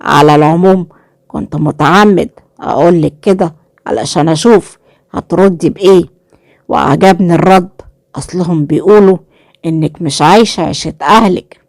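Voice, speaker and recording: A woman doing a calm, guarded young Egyptian chef. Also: high voice, no echo, clean studio sound. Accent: Egyptian Arabic. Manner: calm, measured speech. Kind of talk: storytelling role voice.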